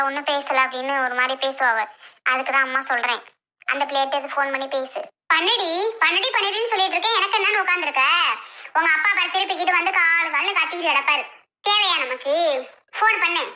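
A woman's voice: high voice, bright, forceful tone, voice pushed down. A woman doing a nagging, fretful mother. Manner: insistent, scolding. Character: fretful middle-aged mother nagging her daughter. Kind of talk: homemade family skit.

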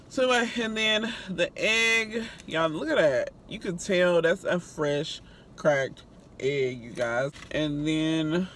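A woman's voice: low voice, fairly bright tone. A woman hosts a casual food review vlog and talks to her viewers in a chatty, friendly way. She records from inside a vehicle. A faint hum of road noise sits in the background. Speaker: food reviewer and channel host.

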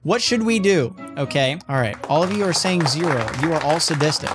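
A young man streaming a video game, talking excitedly at his desk, yelping and swearing at what happens on screen. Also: fairly high pitch, fairly quick. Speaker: gaming streamer. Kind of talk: excitable gameplay commentary. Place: at a computer desk. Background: background music.

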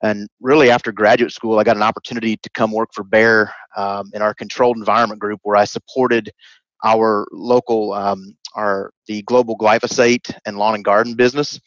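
This guest expert, a man in his thirties, answers interview questions through a headset mic on a video call from a room at home, hesitating and restarting often. His voice is low and brisk, a bit bright, with little pitch movement. The audio is dry and slightly dull, with no room sound.

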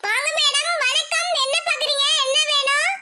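Very high voice playing a polite saree shop girl. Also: steady tone, moderate pace, pushed and bright, heavily acted. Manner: courteous sales talk. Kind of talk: cartoon voice acting.

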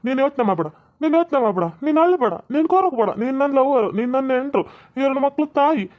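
A sloppy, sentimental drunk husband, as a woman puts him on in a cartoon, his North Karnataka Kannada accent slurred and boastful. He rattles along at a rapid clip, and the recording sounds dull and lo-fi. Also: high-pitched, animated, pitched below the performer's own voice. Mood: boastful pleading.

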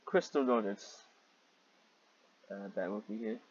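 A man with a lowish voice slowly reads fan fiction aloud, mocking it and sounding exasperated as he keeps breaking off into rambling commentary. The lo-fi recording carries slight background noise.

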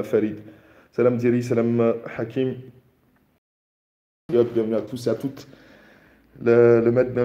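A man's voice: medium pitch, warm tone. A man in his thirties chatting casually on a livestream in an echoing bare room, informally repeating greetings to viewers and mixing in Arabic phrases. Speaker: livestream host. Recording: hallway-like echo, resonant bare room.

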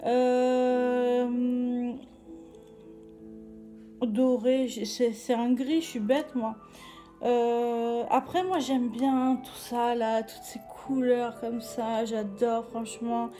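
A woman's voice: a little high, fairly even intonation, extremely slow, mellow, faint music behind. A woman doing a casual makeup review vlog, chatty and hesitant, with many fillers and restarts. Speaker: beauty vlogger.

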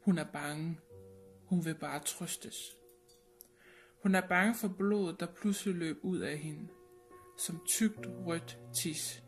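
A woman's voice: on the low side, pauses often. Grave woman narrating over music. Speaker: audiobook reader. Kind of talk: scripted narration.

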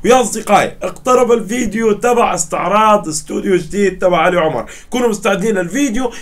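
Fast, excited young man gaming. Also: high voice. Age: 20s. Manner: loud, animated, exclaiming in mock outrage. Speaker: gaming YouTuber. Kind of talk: excited gameplay commentary.

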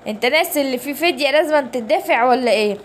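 Brief: woman doing a sneering hyena thug, Egyptian, storybook, high. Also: expressive, fast talker, a little hiss or hum. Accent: Egyptian Arabic. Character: menacing hyena kidnappers. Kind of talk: children's bedtime story voicing.

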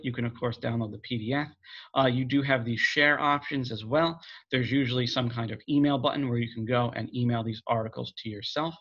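Man calmly walking through a screen tutorial. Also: mid-range voice, highs cut off. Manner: casual, plain step-by-step explaining. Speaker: college librarian. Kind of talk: screen-recorded database tutorial.

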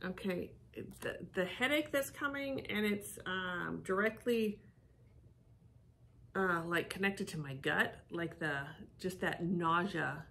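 A woman's voice: fairly low pitch, takes it slowly, vocal fry, pushed and bright. A middle-aged woman giving casual commentary, thinking aloud and searching for her words. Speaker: psychic co-host of a reaction show. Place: living room with fireplace, indoors.

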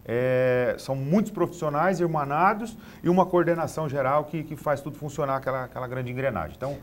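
A middle-aged Brazilian man with a medium-pitched voice talks quickly and casually; he's a rodeo announcer being interviewed while standing in a TV studio. He tends to repeat little words as he hunts for what to say next, and there's a slight hiss or hum on the recording.

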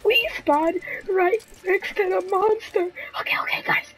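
A young woman giving jumpy gameplay commentary, often dropping to hushed whispers and then bursting out with gasps. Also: extremely high pitch, unhurried, low-quality recording. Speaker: gaming video creator.

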